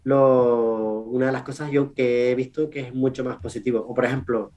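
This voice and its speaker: This research scientist from the Canary Islands, Spain, speaks with a Canarian Spanish accent as a podcast guest, answering interview questions casually and haltingly with self-corrections and tag questions. His medium-pitched voice is steady and darkish, and the recording's highs are cut off.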